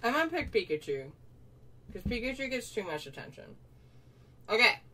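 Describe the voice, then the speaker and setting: A young woman records a casual unboxing vlog, playful and poking fun at herself, now and then talking with her mouth full. Her voice is on the high side, sing-song, bright and forceful, at normal speed. The mic is distant, picking up faint room noise.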